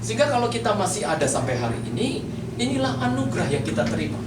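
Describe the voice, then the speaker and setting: A man's voice: high-pitched, very animated, fast. A male pastor preaching a sermon and talking straight to his congregation in a plain, conversational way. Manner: conversational, addresses the congregation directly. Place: church hall. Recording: echoey hall, mic from far off, noisy.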